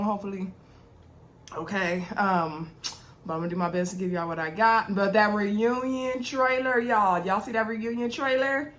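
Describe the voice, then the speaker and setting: A young woman with a mid-range voice, congested and with a sore throat, chats casually to her viewers while recapping a reality TV episode. She's a TV recap host who fills her talk with plenty of ums and y'alls.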